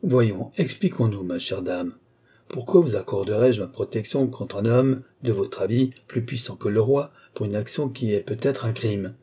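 A cold shrewd magistrate, brisk and commanding, mellow dark tone with some huskiness, as an audiobook reader plays him. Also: male voice, fairly low pitch, husky. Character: cold, shrewd police magistrate, middle-aged man. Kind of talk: audiobook reading.

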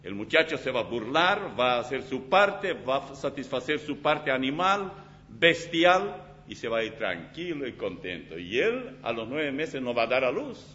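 A man preaching a sermon as pastor in a church, in an animated, dramatic way with vivid illustrations. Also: medium pitch. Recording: slightly dull recording with faint hum.

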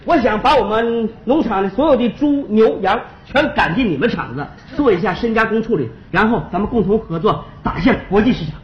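A man's voice: high voice, animated, a little hiss or hum. A man playing a cocky, teasing rich farmer businessman in a stage comedy sketch. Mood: bragging. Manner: teasing, quick banter. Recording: echoey stage, slightly dull sound.

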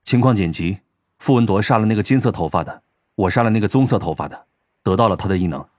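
A man's voice: on the low side, lively intonation, fast, no echo, studio quality, pitched below the performer's own voice, lightly acted. A man voicing a level-headed young man in an audiobook, speaking plainly and matter-of-factly. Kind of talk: audiobook character voice.

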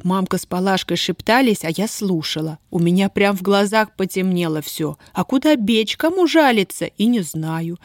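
Женщина играет испуганную молодую крестьянку, которая всхлипывает и умоляюще причитает. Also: female voice, mid-range voice, lively intonation, normal speed, hardly any pauses, no room sound, clean studio sound, lightly acted. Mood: tearful. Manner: sobbing, pleading, folk speech. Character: frightened, tearful young peasant girl.

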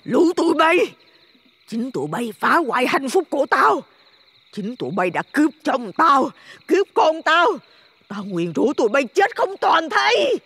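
A man's voice: extremely high pitch, sing-song, moderate pace, vocal fry, pushed and bright, pitched above the performer's own voice, exaggerated voice. A man doing a shrieking, crazed witch mother. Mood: furious. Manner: shrieking, wailing, alternately cursing and begging. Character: crazed vengeful middle-aged mother, witch. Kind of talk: storytelling with character voices.

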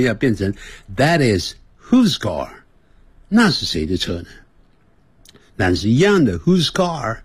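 Husky, lively male radio English teacher. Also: medium pitch, no room sound. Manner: explains slowly, switches into English examples spoken very slowly. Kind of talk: radio language lesson.

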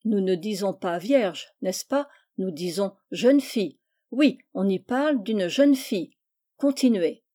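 Old male schoolmaster, lecturing and fussy, a woman puts him on, mellow voice, storybook reading. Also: mid-range voice, expressive, unhurried. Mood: patient. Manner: coaxing, then exasperated, lecturing.

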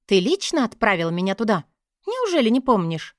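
A coy, evasive young noblewoman speaks in a high, sugary, light voice, dodging every question. A woman narrator puts her on, lifting her pitch. The recording is close and dry, with no room sound. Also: big pitch swings, normal speed, dry recording.

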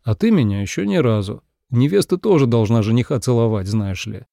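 A man's voice: medium pitch, animated, a little fast, creaky, dark tone, no echo, clean studio sound. A man voicing a cocky, teasing young bridegroom in an audiobook, with a smug manner. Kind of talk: audiobook character voice.

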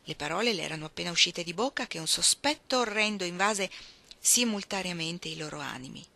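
A woman reading a literary novel aloud, expressive, dropping at times to hushed, almost whispered phrases. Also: on the low side, brisk, vocal fry, no room sound. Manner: expressive, shifting between soft hushed phrases and emphatic ones. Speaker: reader.

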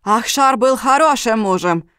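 A woman voicing an enraged, proud older brother who shouts with contempt. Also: fairly low pitch, little pitch movement, moderate pace, clean tone, no room sound, clean studio sound, natural voice. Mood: contemptuous.

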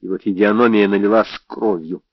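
A man reads a hard-boiled crime novel in the first person, measured and dramatic. His voice sits low, and the recording is dry and slightly dull. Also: steady tone, no room sound. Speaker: audiobook reader.

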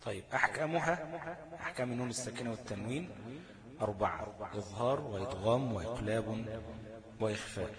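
A man's voice: on the low side, a little fast, a crowd in the background. A man with an Egyptian Arabic accent teaching recitation rules in a classroom lesson. He keeps asking the class questions and then answers them himself.

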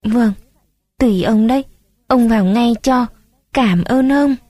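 A woman's voice: a little high, a little slow, dark tone, no room sound. A woman voicing a tearful, anxious young village mother who asks fretful, pleading questions.

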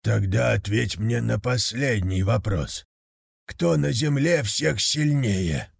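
A man voicing a dying old wise male tiger in a storybook tale, speaking slowly and solemnly with a gravelly voice. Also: medium pitch, expressive, no echo, clean studio sound, exaggerated voice. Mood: questioning. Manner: slow, solemn instructing.

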